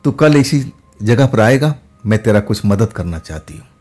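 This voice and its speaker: A man voicing a kind, fearless young female ghost who talks softly and familiarly. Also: lowish voice, lively intonation, normal speed, faint music behind. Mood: gently familiar. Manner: soft, familiar, using intimate address.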